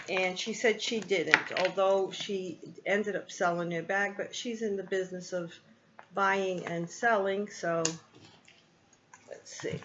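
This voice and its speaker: A woman vlogger chatting casually through an unboxing, thinking aloud with little ums as she goes. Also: medium pitch. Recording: slightly muffled with faint noise.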